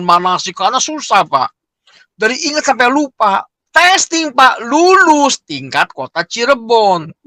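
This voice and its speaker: Animated middle-aged man, bright high voice. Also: dry recording. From Indonesia. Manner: emotional, animated storytelling with frequent "Pak". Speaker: interviewee. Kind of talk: personal testimony.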